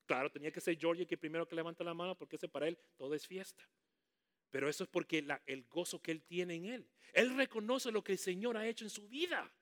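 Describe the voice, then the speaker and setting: Man, pastor, sermon, animated, call-and-response, slightly high voice. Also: quick pace. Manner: animated, calls on the congregation to repeat words; jokey asides to the congregation.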